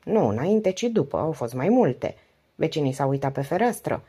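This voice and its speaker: A woman's voice: low voice, big pitch swings, dark tone, breathy edge, exaggerated voice. A woman reading the part of a devoted, weary wife in her late forties who confides in long, flowing speech. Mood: confiding. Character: 48-year-old wife, talkative, devoted, weary.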